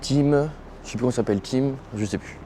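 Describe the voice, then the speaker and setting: A man's voice: mid-range voice, fast talker, warm tone, a little hiss or hum. A young man from France, a truck driver, chatting casually and slangily to his viewers while filming himself at a truck stop. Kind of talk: casual vlog chat. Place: truck stop outdoors, cold and windy.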